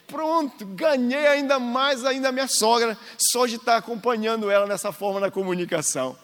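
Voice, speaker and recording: A man's voice: very high voice, normal speed, a bit bright. A man in his forties telling family stories with playful acted-out dialogue, co-leading a church marriage talk. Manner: storytelling, acts out dialogue, playful. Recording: echoey hall with long reverb.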